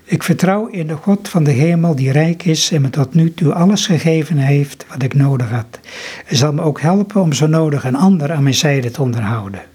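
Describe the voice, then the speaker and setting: A man's voice: on the high side, lively intonation, moderate pace, dark tone, slightly rough. A man reading the lines of a grieving medieval monk who tenderly takes in a baby, in an earnest read-aloud way.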